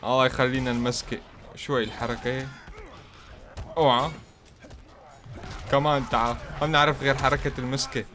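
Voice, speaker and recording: Excitable man commentating a fighting game. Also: medium pitch, a little fast, long pauses. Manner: excitable, teasing the opponent, talking to himself. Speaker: gaming channel host. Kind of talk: gameplay commentary.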